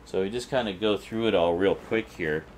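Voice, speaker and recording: This middle-aged man has a deep voice and talks at a normal speed, hosting a collectibles review vlog in an informal, unscripted way. He's in a small indoor room lined with shelves, and the recording is clearly noisy.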